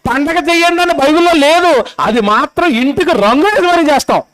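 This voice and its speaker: A man's voice: very high voice, fast, a bit bright. A male preacher with a Telugu accent delivers a sermon, scolding his audience with rhetorical questions. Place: convention stage.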